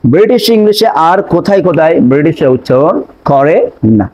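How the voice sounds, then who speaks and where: A man teaching English pronunciation in an online lesson, explaining step by step and repeating examples slowly. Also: fairly high pitch, animated, warm tone, highs cut off.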